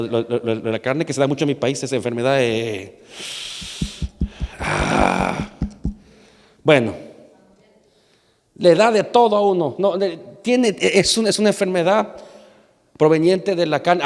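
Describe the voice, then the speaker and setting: Man preaching in a reverberant hall. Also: fairly high pitch. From Argentina. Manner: conversational preaching, asks the congregation questions, many fillers. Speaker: pastor. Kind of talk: sermon.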